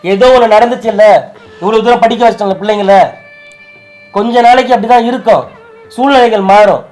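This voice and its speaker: Tearful man, high voice, quick pleading speech, crying, faint music behind. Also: steady tone, darkish tone. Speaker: husband in a staged prank video. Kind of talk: emotional scripted couple conversation.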